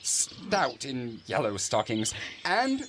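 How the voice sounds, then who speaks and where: A man's voice: medium pitch, huge pitch swings, slow pace, background noise. An actor playing a pompous, self-deluded male steward who reads aloud in a preening, theatrical way. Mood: gloating. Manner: preening, savoring each word, theatrical swoops. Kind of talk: amateur reading of a classic stage play.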